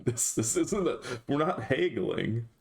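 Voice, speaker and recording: A man's voice: mid-range voice, big pitch swings, slow, creaky, darkish tone. A man chatting casually on a live stream, talking to his chat in a dry, sarcastic way.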